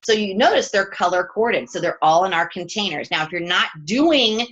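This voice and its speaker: A woman's voice: mid-range voice, expressive, moderate pace, a bit bright, lo-fi sound. A woman leading a live coaching chat with her team from home, upbeat and chatty and often checking in with "okay?".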